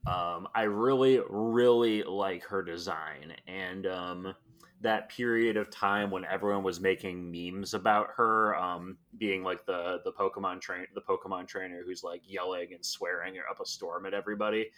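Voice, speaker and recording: A man on a casual podcast panel, talking hesitantly with many pauses and "um"s. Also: low voice, fairly even intonation, a bit bright.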